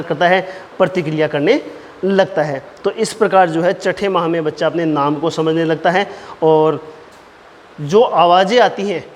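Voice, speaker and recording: A man teaching an exam-prep lecture, explaining point by point and slowly dictating key phrases, repeating them. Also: on the high side. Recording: reverberant room with faint noise.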